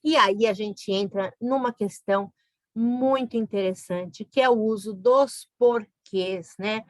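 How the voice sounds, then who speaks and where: In a dry recording, a woman with a mid-range voice speaks slowly while teaching a grammar lesson. She explains patiently and checks in with the listener, often adding "né?".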